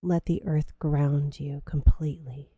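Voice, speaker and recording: A woman leading a guided grounding meditation in slow, soothing, drawn-out phrases. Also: low voice, level tone, warm tone, slightly rough, dry recording, dull audio.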